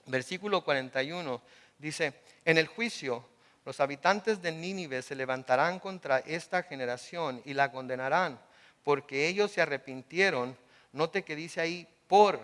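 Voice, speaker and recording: Bright-voiced man preaching in a hall. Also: a little high, clear, resonant tone. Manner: explains by asking the congregation and answering with everyday examples. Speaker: pastor. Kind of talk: sermon. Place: church service auditorium.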